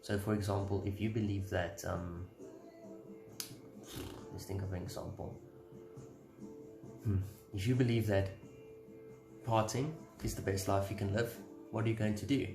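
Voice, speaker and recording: A man's voice: lowish voice, fairly even intonation, a little slow, long pauses, reverberant, music in the background, poor audio. A man giving a casual devotional talk, conversational and earnest, posing rhetorical questions to his listeners.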